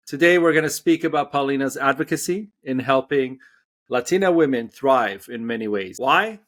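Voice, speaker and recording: A man hosting a podcast on social issues, introducing his guest and responding in an affirming way with a few hesitant restarts. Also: medium pitch. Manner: warm, affirming, with some ums and hesitant restarts. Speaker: podcast host.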